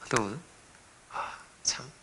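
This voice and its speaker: A man preaching a sermon as pastor, dropping to hushed whispers and rising to loud exclamations, often asking the congregation questions. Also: a little slow. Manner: dramatic swings between hushed whispers and raised exclamations; asks the congregation rhetorical questions.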